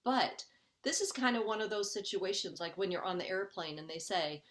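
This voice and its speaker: A woman's voice: mid-range voice, animated, normal speed, a bit bright. A middle-aged woman life coach teaching a webinar for parents. She is earnest and conversational, often checks in with "okay?", and acts out her own inner voice as she explains each step.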